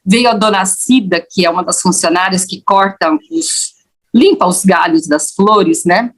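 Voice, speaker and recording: A Brazilian woman recounting a personal faith testimony to her pastor. Her telling is animated and expressive. She jumps up in pitch whenever she acts out the lines people spoke. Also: unhurried. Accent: Brazilian Portuguese. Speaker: church member giving testimony.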